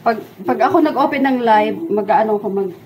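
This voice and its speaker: A woman's voice: fairly high pitch, fairly quick, darkish tone, a little hiss or hum, poor audio. A woman hosting a casual live stream from her kitchen, joking and laughing as she switches between Tagalog and English. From Bicol region, Philippines. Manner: playful, mixes Tagalog and English, laughs often. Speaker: vlog host. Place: home kitchen.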